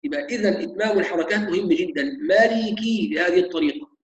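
A man teaching Quran recitation, slowly demonstrating sounds and repeating them. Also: sits high, roomy sound, poor audio. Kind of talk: tajweed lesson.

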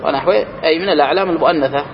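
A man teaching a grammar class, reading a text aloud slowly and then explaining it and questioning his students. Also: creaky, big-room sound, dull audio, slight background noise. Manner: reads quoted lines slowly and higher, then explains and quizzes students.

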